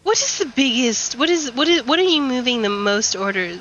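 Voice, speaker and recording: A woman's voice: high voice, lively intonation, normal speed, a bit bright. A woman playing at a tabletop game, asking questions and repeating herself as she goes. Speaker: player. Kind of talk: in-character chat at a tabletop game. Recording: lo-fi mic.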